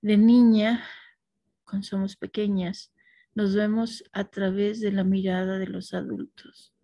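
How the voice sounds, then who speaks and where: A woman teaching a class in a mellow, warm voice with a dry, close sound. She speaks thoughtfully, restarting phrases and affirming her students softly. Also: medium pitch, level tone, measured pace, dry recording.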